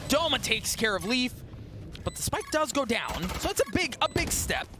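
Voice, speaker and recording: A man calling a live esports match as play-by-play commentator, excitable, building from tense quiet to shouts at big plays. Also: extremely high pitch, moderate pace, loud music behind the voice.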